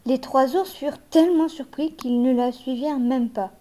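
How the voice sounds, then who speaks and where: A woman reading a children's fairy tale aloud in a gentle, measured way. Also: high voice. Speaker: narrator.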